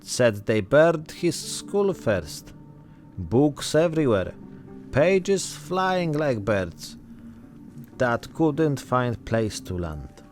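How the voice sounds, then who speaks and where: A man voicing a weary immigrant zombie-apocalypse survivor, telling his story in short, deadpan, reflective phrases. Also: mid-range voice, drawn-out words, soft background music. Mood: somber, reflective. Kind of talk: narrated in-character role-play monologue.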